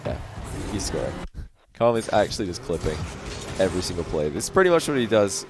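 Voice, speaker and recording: Brief: easygoing male replay coach with a lowish voice, chatty, soft beats underneath. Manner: relaxed coaching, frequent fillers. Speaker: game coach reviewing a replay. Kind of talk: casual replay commentary. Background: faint lo-fi background music.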